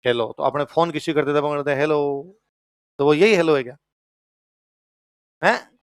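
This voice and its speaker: A man's voice: on the high side, measured pace, clean tone, no echo, studio quality. A young man with a Rajasthani accent, giving a joking classroom lecture and quizzing his students. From Churu, Rajasthan. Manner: lively, jokey, asks the class questions. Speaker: teacher.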